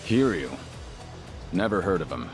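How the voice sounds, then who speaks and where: Weathered stoic ex-gangster, low voice, terse dry delivery, video game drama, music behind. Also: male voice, big pitch swings, measured pace. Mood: guarded, dry. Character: stoic, weathered middle-aged ex-yakuza legend.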